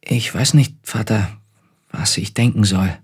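A shy young noblewoman answers her father softly and hesitantly, as a male storybook narrator reads her. The voice is quiet and husky, kept close to his own. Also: medium pitch, expressive, moderate pace.

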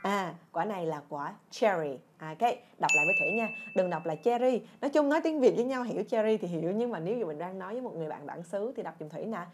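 A young woman teaching fruit names in a lively video lesson, drilling words by repetition and revealing each with a playful cry. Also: on the low side, fast talker, few pauses, a little hiss or hum. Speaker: English teacher, channel founder.

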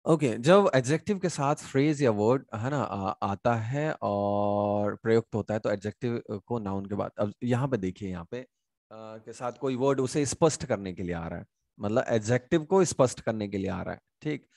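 Gravelly-voiced man teaching grammar in Hindi. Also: fairly low pitch, moderate pace, darkish tone, no echo, clean studio sound. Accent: Indian English. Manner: explains in Hindi with English examples, asks and answers his own questions; many hesitation sounds and restarts. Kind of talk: online grammar lesson.

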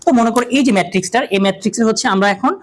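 Man, math teacher, rapid delivery, classroom lecture, self-answered questions, repeats key terms. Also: high-pitched, poor audio. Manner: asks questions and answers them himself.

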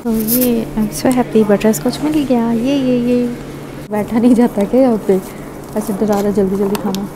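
A woman's voice: on the high side, fairly even intonation, normal speed, noisy background. Chatty young woman vlogger. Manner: chatty, repeats words, laughs often. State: tired at the end. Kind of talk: casual vlog chat.

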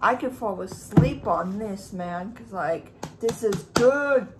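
A woman's voice: medium pitch, lively intonation, slow, loud music behind the voice. A young woman in a casual mukbang vlog, chatting and rambling to her viewers while she makes chocolate milk and cuts pizza at home. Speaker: YouTuber. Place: room at home. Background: faint TV in the background.

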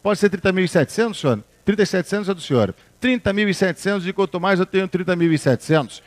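A man with a high-pitched voice calls a car auction as auctioneer. He repeats each bid again and again, addressing the bidders formally. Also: animated, quick pace. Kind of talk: live car auction calling, repeating bids.

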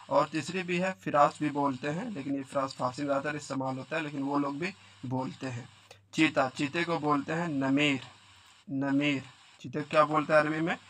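Bright-voiced man teaching vocabulary. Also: fairly high pitch. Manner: repeats each word and quizzes the listener. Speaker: Arabic teacher. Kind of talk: vocabulary lesson.

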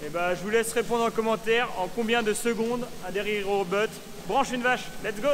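A farm vlogger in his twenties gives a chatty, enthusiastic tour of a large indoor barn and milking parlour, filming on an action camera held at arm's length and using frequent fillers. His high voice is steady and moderately paced, with background noise in the recording.

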